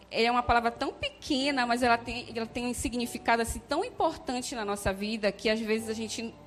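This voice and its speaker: A woman giving a heartfelt personal faith testimony, hesitant and often checking in with her listeners. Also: a little high. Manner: heartfelt, hesitant, frequent "né?" tags. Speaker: church member giving testimony. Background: faint music.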